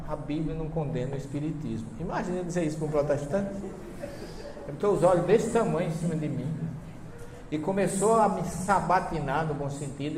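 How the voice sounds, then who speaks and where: A man's voice: a little high, a little mellow. A man with a Northeastern Brazilian accent giving a seminar talk, telling stories with humor and asking his audience questions. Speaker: seminar lecturer on Bible translations. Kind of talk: lively seminar talk with anecdotes. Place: lecture hall before an audience. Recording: echoey hall with long reverb, faint hiss.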